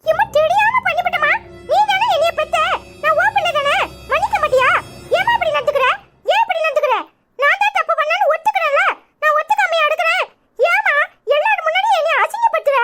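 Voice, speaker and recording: Type: cartoon. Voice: very high-pitched chatterbox schoolgirl with a Tirunelveli accent. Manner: whiny, pleading, nonstop. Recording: noisy. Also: fast talker. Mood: hurt. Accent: Tirunelveli Tamil. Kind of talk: cartoon voice acting.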